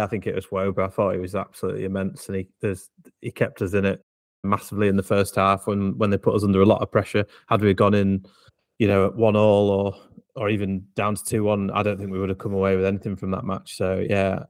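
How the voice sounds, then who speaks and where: Low-voiced man giving football opinions. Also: no room sound, clean studio sound. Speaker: podcast co-host, football fan. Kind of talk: casual football podcast chat.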